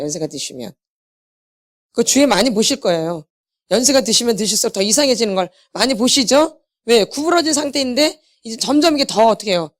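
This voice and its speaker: A woman preaching a healing sermon to a congregation, repeating key phrases and asking questions she answers herself. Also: a little high. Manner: asks the congregation rhetorical questions and answers them. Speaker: healing ministry lecturer.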